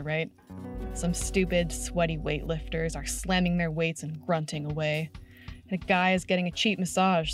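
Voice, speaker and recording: A woman giving a brash, sardonic, heavily profane comedic reading of a modern paraphrase of old letters. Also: on the low side. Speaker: reader.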